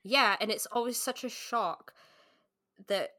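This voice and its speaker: Her voice fairly high, pushed and bright, and a little slow, this late-twenties podcast co-host talks books informally, using "like" as a frequent filler and swearing mildly. The recording is dry and of studio quality.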